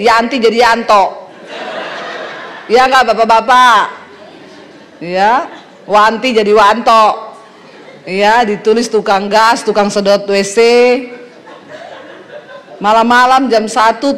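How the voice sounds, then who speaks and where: A woman's voice: fairly high pitch, fairly even intonation, takes it slowly, long pauses, a bit bright. A middle-aged woman from Sulawesi, a pastor giving a humorous sermon to a congregation, telling stories and acting out quotes with laughter.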